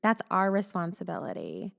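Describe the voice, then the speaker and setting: A woman's voice: on the low side, huge pitch swings, moderate pace, creaky. A woman guest on a podcast, talking openly and reflectively in casual chat, laughing often.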